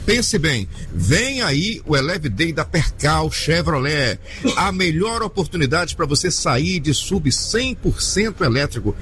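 A man's voice: a little high, sing-song, a little slow, a bit bright. Upbeat Brazilian man presenting on radio. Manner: enthusiastic, hearty. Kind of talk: upbeat live radio promotion. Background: faint music bed.

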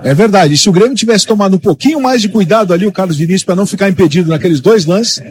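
High-pitched man analysing football. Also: very fast, a little mellow, husky. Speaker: football radio pundit. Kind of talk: live match analysis.

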